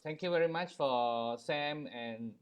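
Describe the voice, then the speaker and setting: A man on a video call with his phone held away from his mouth, so he sounds faint and distant, speaking in a halting, hesitant way. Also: medium pitch. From Sabah, Malaysia. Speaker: guest speaker. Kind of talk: casual talk on an online group call.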